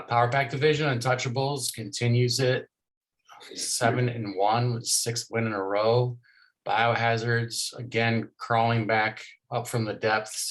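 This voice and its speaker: A man co-hosting a casual fantasy football podcast, rattling off division standings and records in quick bursts. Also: lowish voice, fairly bright tone, low-quality recording. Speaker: fantasy football league co-host.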